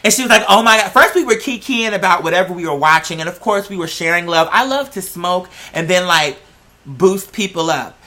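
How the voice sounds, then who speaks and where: With a mid-range, expressive voice that's bright and forceful, this androgynous-sounding American vlogger gossips casually in sassy slang. Stressed words get stretched out heavily.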